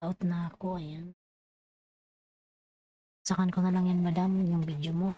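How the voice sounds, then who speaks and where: A woman's voice: on the low side, level tone, unhurried, dry recording, muffled recording. A sleepy woman from the Philippines, chatting casually on her livestream late at night and signing off. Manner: tired, drowsy, sign-off chatter. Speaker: livestream vlogger. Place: UAE.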